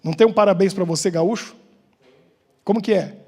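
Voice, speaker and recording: A Brazilian man preaching with a Brazilian Portuguese accent, chatty and joking as he asks the congregation questions. His voice sits high and comes out a little husky. The long reverb of a church hall hangs behind every word. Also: fairly quick, warm tone. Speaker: pastor. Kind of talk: informal sermon with banter.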